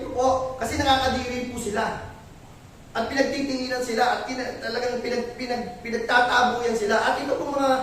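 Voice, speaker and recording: A man's voice: extremely high pitch, heavy reverb, far from the mic, slight background noise, poor audio. A man preaching a sermon, who keeps asking his congregation rhetorical questions in a polite way. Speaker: pastor. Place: church.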